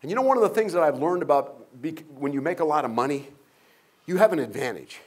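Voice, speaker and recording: High-voiced man giving a humorous motivational talk. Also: animated, fast. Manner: humorous storytelling with jokes and acted-out voices; asks the audience rhetorical questions. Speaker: guest speaker.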